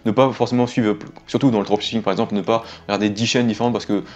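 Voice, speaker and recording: Speaking quickly and steadily, the man in his twenties sounds low and darkish, with the highs cut off in the recording. As an interviewed web entrepreneur in a small wooden-ceilinged room, he keeps his answers informal and rambling.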